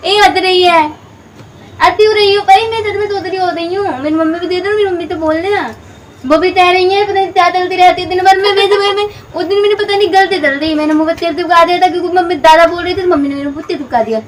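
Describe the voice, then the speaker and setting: A woman's voice: a little high, fairly even intonation, brisk, few pauses, voice pushed down, lightly acted. A young woman putting on a childish lisp as a prank on her friend, recorded from a distance with background noise. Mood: protesting. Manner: childish lisping speech. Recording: distant mic, noisy background.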